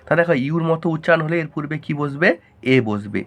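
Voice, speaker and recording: A man teaching a grammar lesson, asking questions and answering them himself in a lower voice. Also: lively intonation, fast talker.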